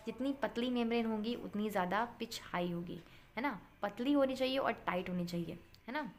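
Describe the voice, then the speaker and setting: A woman teaching a physics class, explaining in Hindi, checking in with her students and reading English textbook lines slowly. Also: fairly high pitch, slight background noise. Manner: addresses students as beta, checks with "है ना".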